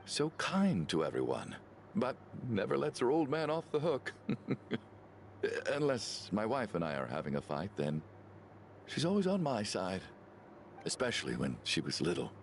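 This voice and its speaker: A man's voice: fairly low pitch, huge pitch swings, measured pace, pauses often, a little hiss or hum, full character voice. An actor playing a kindly, fretful middle-aged father in a video game, speaking in a hesitant, stammering way. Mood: gentle, sheepish.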